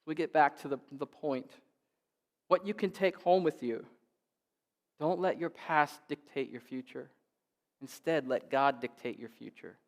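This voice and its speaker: A man's voice: on the high side, measured pace, long pauses, big-room sound. A male pastor in his forties preaching a sermon in a church, driving his points home with emphatic, repeated phrases.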